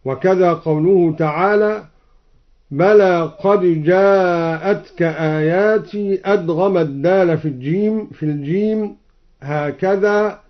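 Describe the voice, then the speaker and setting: A man with an Egyptian accent teaching Quran recitation, explaining each reading and then chanting it slowly. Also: sits high. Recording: dull old radio broadcast.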